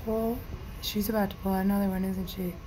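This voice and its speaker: Awestruck woman gasping in hushed excitement. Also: medium pitch, a little fast, noisy background. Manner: gasping exclamations, often hushed. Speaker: dog owner filming a birth. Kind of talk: excited casual commentary. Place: veterinary clinic.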